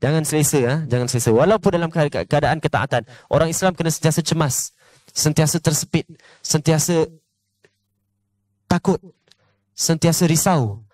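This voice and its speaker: A man's voice: fairly high pitch, normal speed, pauses often, dry recording. Man teaching a religious lesson, Malaysian accent. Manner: lively, peppers talk with rhetorical "ha?" checks; reads passages then explains them conversationally. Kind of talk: religious lesson on a classical text. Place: online class recording.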